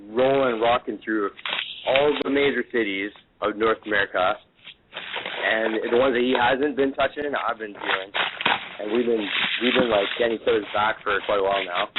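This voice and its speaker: A man calling in on speakerphone, talking in a loose, rambling, friendly way after a few beers. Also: fairly low pitch. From Canada. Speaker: caller. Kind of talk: casual chat. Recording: tinny speakerphone line with faint hiss. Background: friends in the room.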